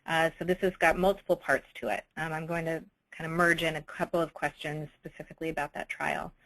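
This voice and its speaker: A woman with a fairly low voice runs the question session of a webinar. She reads out audience questions in a friendly, conversational way and thanks the expert after each answer. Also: steady tone, fairly quick, a bit bright, rough recording. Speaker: webinar moderator. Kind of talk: webinar Q&A moderating.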